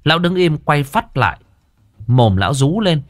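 A man narrating a horror story in a lively, dramatic way. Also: fairly high pitch, moderate pace, dry recording, clean studio sound.

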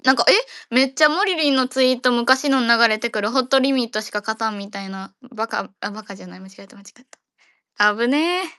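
Woman, Kansai accent, hosts a casual chat, playful and rambling; crisp bright tone, dry close mic. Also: a little high, fast, no echo. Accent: Kansai Japanese. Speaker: host of an audio chat room.

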